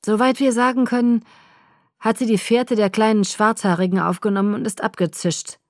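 A woman's voice: a little high, steady tone, normal speed, darkish tone, dry recording, studio quality, lightly acted. A woman voicing a hot-tempered young man who barely holds back his rage, speaking in tense, clipped bursts. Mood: reporting.

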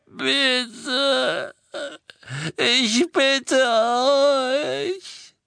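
A male narrator reads a novel at an unhurried, deliberate pace, in a measured, dramatic storytelling manner. His voice is dry and close, with no room around it. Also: mid-range voice, dry recording. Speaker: audiobook reader. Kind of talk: scripted narration. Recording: dry close studio sound.

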